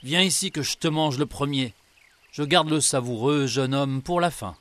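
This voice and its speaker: A man's voice: mid-range voice, moderate pace, a bit bright, no room sound, voice pushed up, lightly acted. A man voicing a huge, greedy and cowardly forest ogre in a storybook reading. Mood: grumbling. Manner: blustering, then whimpering.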